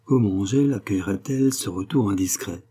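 Husky low-voiced male narrator. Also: fairly quick, mellow. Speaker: audiobook narrator. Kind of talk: literary audiobook narration.

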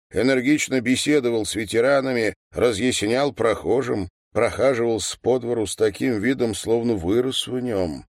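A man reads a story aloud in a measured, even manner, at a middle pitch. The sound is close and dry, with no room echo. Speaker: narrator. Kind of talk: audiobook reading.

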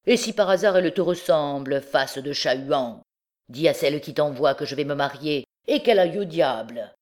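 A woman voicing an arrogant young army captain who drawls his scornful words slowly, in a storybook reading. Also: deep voice, animated, darkish tone.

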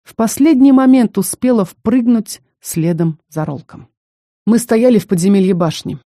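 Female audiobook narrator, measured first-person fantasy reading, warm mellow voice, dry studio sound. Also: mid-range voice, no echo.

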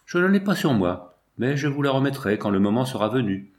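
A man's voice: medium pitch, sing-song, brisk, pitched above the performer's own voice, natural voice. A man voicing a sly, insistent male business agent in an audiobook, with an eager, self-assured manner. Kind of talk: audiobook character voice.

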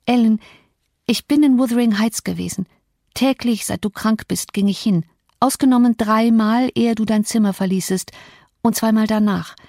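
A woman's voice: on the high side, normal speed, dark tone, no echo, studio quality. A woman voicing a young woman in a storybook who has been caught out and earnestly pleads with her nurse. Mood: confessing.

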